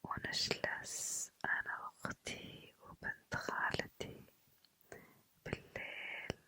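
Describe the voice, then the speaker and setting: A woman chatting in a quiet, hushed late-night ASMR whisper, halting pauses. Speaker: ASMR video creator. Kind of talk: ASMR casual chat, whispered.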